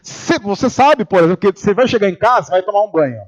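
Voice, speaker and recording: A pastor from Brazil giving a humorous sermon in church, telling stories and acting out the voices of the people in them. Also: male voice, sits high, fast, muffled recording. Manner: animated storytelling, acting out quoted voices.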